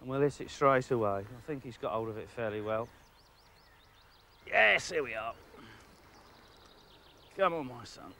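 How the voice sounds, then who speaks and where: A middle-aged man giving outdoor fishing commentary from a lakeside jetty, excitable, laughing often and talking to the fish. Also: mid-range voice, unhurried, long pauses, slight background noise. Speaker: angling presenter.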